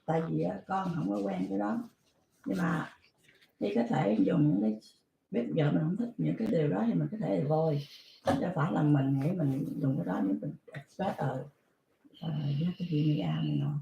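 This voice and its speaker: Gravelly woman in a roomy space. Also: low-pitched, lively intonation, normal speed, dark tone, muffled recording, a little hiss or hum. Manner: hesitant, searching for words. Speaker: wife in counseling. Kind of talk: counseling conversation.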